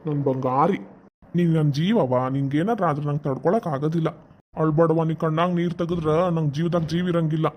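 A man voicing a loving, gentle father in a cartoon, coaxing and advising tenderly with a North Karnataka Kannada accent. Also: fairly high pitch, brisk, slight background noise, lightly acted. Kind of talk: cartoon voice acting.

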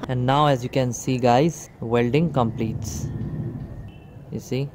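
A man's voice: medium pitch, fairly even intonation, slow, noisy background. Man demoing a welder, chatty steps. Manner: addresses viewers as "guys" often, step-by-step. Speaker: electronics video host. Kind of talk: hands-on product demonstration. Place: outdoor table beside plants.

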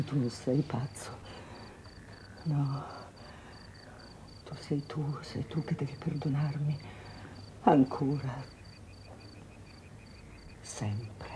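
A middle-aged mother weighed down by guilt, speaking slowly and softly and slipping into whispers. Her voice is low and very dark, with faint night-time noise behind it. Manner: slow, hushed, sorrowful, often whispering. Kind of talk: 1980s TV drama acting.

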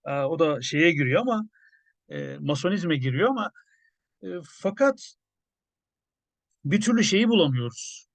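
A journalist commenting in a casual, conversational way, musing with many hesitations. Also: male voice, a little high, sing-song, measured pace, vocal fry, long pauses, no echo.

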